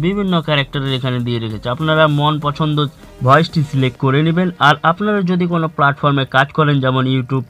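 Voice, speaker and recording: This man narrates a tutorial for his tech channel, his voice fairly high and fairly bright, over a bed of background music. His style is instructional, speaking to viewers directly as if they were friends.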